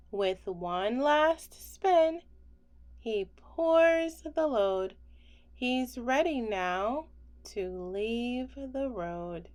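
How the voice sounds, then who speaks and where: A woman reading a children's picture book aloud as a bedtime story, expressive and gentle, with deliberate phrasing. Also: on the high side.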